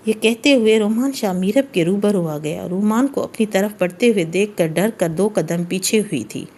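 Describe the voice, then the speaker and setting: A woman narrating a romance novel as an audiobook in a steady storytelling read. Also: medium pitch.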